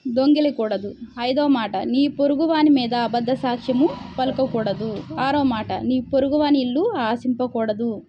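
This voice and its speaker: A woman's voice: high voice, a little slow, dull audio, slight background noise. A woman preacher reading scripture aloud and explaining it, asking rhetorical questions and answering them herself. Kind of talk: Bible reading and sermon.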